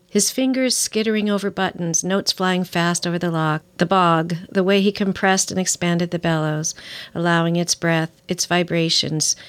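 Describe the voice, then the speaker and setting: Casting note: middle-aged woman author, reads her own fiction in a measured, steady voice, slightly low pitch. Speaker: author reading her novel. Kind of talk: interview and reading aloud.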